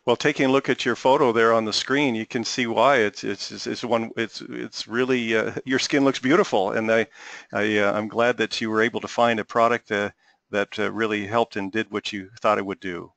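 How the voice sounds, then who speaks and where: A middle-aged man hosting an interview, courteous and halting, with many filler sounds. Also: lowish voice, fairly even intonation, gravelly, fairly bright tone, dry recording. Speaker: host.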